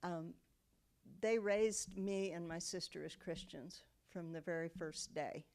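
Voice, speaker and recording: A woman's voice: fairly low pitch, a little slow, darkish tone. Older woman telling family history. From United States. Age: 70s. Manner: reflective storytelling with frequent um and okay. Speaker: interviewee. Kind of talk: oral history interview.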